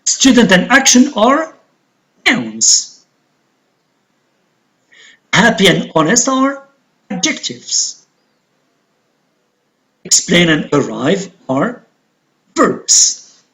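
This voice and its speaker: A man teaching an English lesson on word stress, slow and deliberate, stressing key words. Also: high voice, sing-song, pushed and bright. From Algeria.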